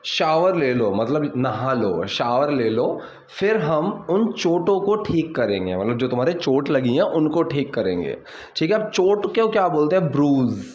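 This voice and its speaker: A man's voice: fairly high pitch, very animated, a little mellow. Man teaching English, roomy dull sound. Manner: explains quickly, then reads English lines slowly and deliberately. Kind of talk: bilingual language lesson. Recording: roomy, slightly dull home recording.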